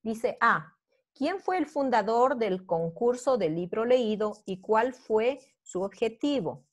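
A middle-aged woman teacher leads an online review class, explaining each step patiently and checking in with her students. Her voice is fairly high and expressive, and she speaks slowly.

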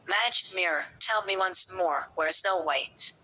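A woman's voice: on the low side, unhurried, pushed and bright, breathy edge, full character voice, rough recording. A woman storyteller voicing a solemn, truthful magic mirror in a children's story. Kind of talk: storybook character voice.

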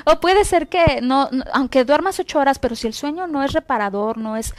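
A woman's voice: sits high, moderate pace, dry recording. Mexican woman doctor explaining health tips. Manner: explanatory, lists numbered points, frequent tag questions. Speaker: doctor guest. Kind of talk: health advice interview on TV.

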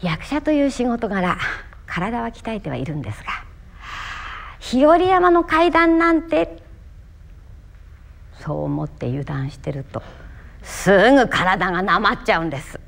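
A Japanese actress from Miyagi performing a one-woman stage monologue, telling her story theatrically with sudden leaps in pitch. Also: expressive, moderate pace, vocal fry, fairly bright tone.

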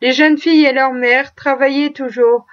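A woman narrating a classic tale as an audiobook, with measured, expressive storytelling. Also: sits high, highs cut off.

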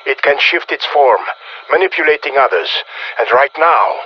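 Casting: a bitter, menacing Russian-accented military colonel for a game. Raspy, authoritative, heard through a dull radio filter. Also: male voice, medium pitch, animated, normal speed. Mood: grave briefing. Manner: authoritative, threatening, clipped orders. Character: stern, menacing Soviet colonel, male, ruthless and bitter. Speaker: video game character voice. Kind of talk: video game voice acting, commanding briefing.

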